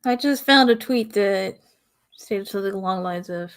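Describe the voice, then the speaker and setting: A young woman from the American South hosting her own podcast in a casual, rambling way, pausing often and sighing. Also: medium pitch. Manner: rambling, pauses often, sighs. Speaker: podcast host. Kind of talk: casual solo podcast talk.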